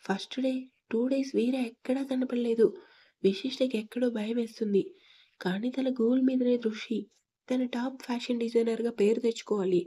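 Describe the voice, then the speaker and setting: A woman storyteller reading an audio story steadily and evenly. Her voice sits a little high but sounds dark and husky. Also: fairly even intonation, normal speed.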